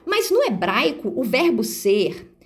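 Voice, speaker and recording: A woman with a Brazilian Portuguese accent teaching the Bible on a phone video, warmly calling her listeners brothers and sisters and reading verses slowly. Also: fairly high pitch, very animated. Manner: warm devotional tone, repeatedly addresses listeners as brothers and sisters; reads scripture slowly and deliberately. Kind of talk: informal Bible study on video. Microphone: phone camera.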